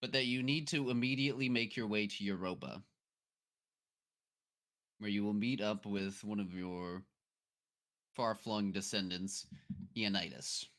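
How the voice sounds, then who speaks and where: A man's voice: lowish voice, a bit bright. A man narrating as game master of a tabletop role-playing game, in a casual manner with fillers. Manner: casual, with fillers and drawn-out names.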